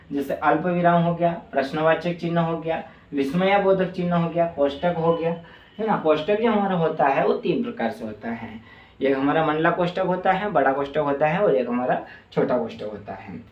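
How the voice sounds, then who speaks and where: A male teacher with a Madhya Pradesh Hindi accent gives an online class lesson, explaining slowly with many fillers and repeated checks. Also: on the high side. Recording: roomy, distant, dull mic sound.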